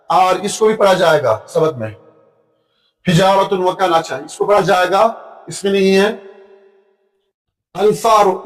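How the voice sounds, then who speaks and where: A man with an Indian accent teaching an Arabic grammar lesson, reading out examples and counting them off patiently. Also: high voice. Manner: explains slowly, counts and reads examples aloud. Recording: echoey room, voice from far off.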